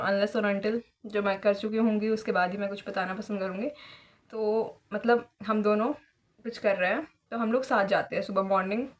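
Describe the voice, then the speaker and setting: A young woman from India hosting her own vlog, telling stories in a chatty way with many fillers and English phrases mixed in. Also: mid-range voice. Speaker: vlogger. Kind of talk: casual vlog chat.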